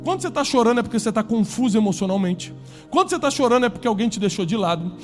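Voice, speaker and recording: A man preaching a sermon to a congregation, emphatic, rising to loud peaks and dropping low. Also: expressive, rapid-fire, faint music behind. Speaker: pastor.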